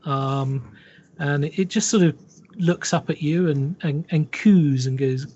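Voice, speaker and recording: A man runs a tabletop horror game, narrating slowly and haltingly, with many repeated words. His voice is husky. The recording sounds dull. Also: fairly high pitch, darkish tone. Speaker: game master.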